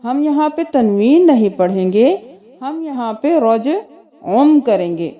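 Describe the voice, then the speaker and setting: A woman teaching Quran reading, spelling out letters and vowel marks, then reciting verses slowly and melodically. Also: on the high side, animated, dark tone. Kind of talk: tajweed lesson with slow recitation.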